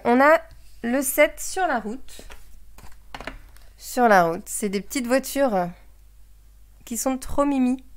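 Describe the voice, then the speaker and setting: A woman demonstrating craft products, talking to viewers in a casual, chatty way, often hesitating with filler sounds and restarting her sentences. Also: a little high. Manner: chatty and friendly, addressing viewers directly.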